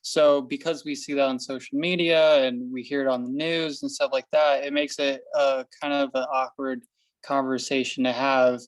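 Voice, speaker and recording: A man who is an artist, speaking thoughtfully in a casual group discussion, halting with frequent ums. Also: mid-range voice, flat delivery, no room sound, low-quality recording. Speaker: artist guest.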